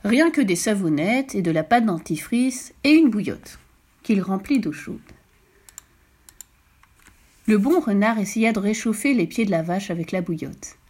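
Expressive woman reading a children's story. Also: medium pitch, a little slow, long pauses, slightly rough. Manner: gentle, expressive, lively.

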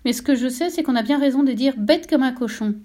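A woman doing a prim, sharp-tongued little hen. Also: sits high, fast, voice pushed up. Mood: curt, haughty. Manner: curt and haughty.

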